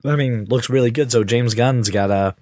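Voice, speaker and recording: A man with a gravelly, hoarse, sick-sounding voice, chatting casually as a podcast co-host. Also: medium pitch, normal speed, a little mellow, no room sound, clean studio sound. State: sick with a cold, voice worn out. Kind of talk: casual chat.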